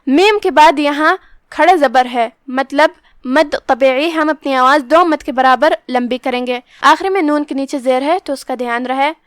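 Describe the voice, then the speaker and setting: A woman teaching Quran recitation, slowly and carefully explaining how each letter is pronounced. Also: high-pitched, no room sound, studio quality. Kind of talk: step-by-step tajweed lesson.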